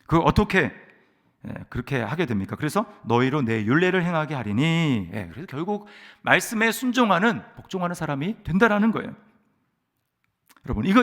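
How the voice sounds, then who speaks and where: Man, pastor, sermon, fairly high voice, loud urging and hushed storytelling, long church reverb. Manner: swings between loud exhortation and hushed storytelling. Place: church sanctuary.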